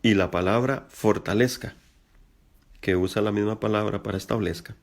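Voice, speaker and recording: A middle-aged man preaching a sermon earnestly, spelling out words slowly and addressing his listeners directly. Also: on the low side, gravelly. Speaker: pastor.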